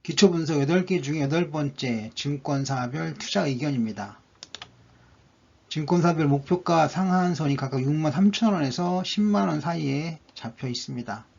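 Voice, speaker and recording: A man's voice: a little high, normal speed, creaky, a little mellow, slightly rough. A man narrating a stock chart analysis, going methodically through each indicator one by one, on a dull lo-fi recording.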